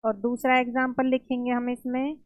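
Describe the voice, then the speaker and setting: A woman teaching an exam-prep grammar lesson, explaining slowly step by step and asking and answering her own questions. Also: on the high side, flat delivery.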